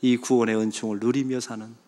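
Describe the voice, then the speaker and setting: A middle-aged male pastor preaching a sermon, swinging dramatically between loud exclamations and hushed, pleading passages. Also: medium pitch, flat delivery, fast talker. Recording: long reverb of a church hall.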